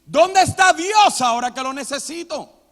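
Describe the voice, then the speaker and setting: A man preaching a sermon in a church, with sudden loud dramatic outbursts. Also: very high voice, lively intonation, normal speed, soft background music. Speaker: pastor. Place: church sanctuary. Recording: long church hall reverb.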